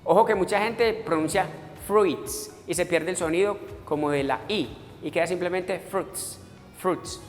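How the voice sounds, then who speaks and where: A man's voice: sits high, moderate pace, hardly any pauses. Patient male English teacher, echoey room. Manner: explains step by step, addressing students as muchachos and voicing their questions. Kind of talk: recorded classroom lesson. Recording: echoey room with faint music.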